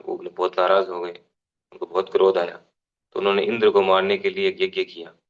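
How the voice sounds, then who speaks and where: A man's voice: low voice, highs cut off. A man giving a devotional scripture class, explaining unhurriedly, restating phrases and giving everyday examples.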